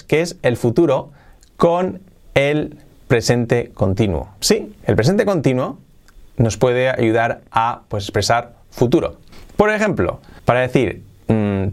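Lively man teaching a language lesson. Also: mid-range voice. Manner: lively, repeats example phrases slowly. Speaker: English teacher.

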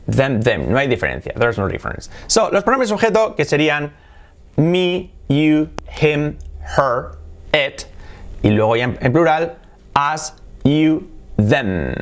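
A man with a Spain Spanish accent teaching a recorded lesson, explaining step by step and repeating and spelling words out slowly. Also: fairly high pitch. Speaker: English teacher.

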